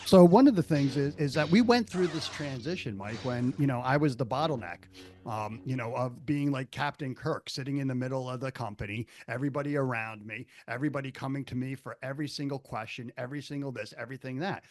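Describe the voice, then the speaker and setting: A man's voice: medium pitch, quick pace, darkish tone. A man co-hosting a podcast, chatting in an enthusiastic way and repeating words as he talks. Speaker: podcast co-host. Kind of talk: casual chat.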